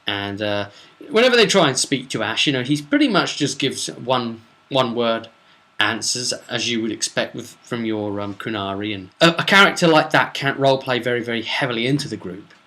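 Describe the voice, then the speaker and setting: Speaking at normal speed with lively intonation and a sharp tone, a British man in a mid-range voice recaps a role-play session he ran as game master. It's loose and rambling, with frequent digressions where he explains and quotes his characters.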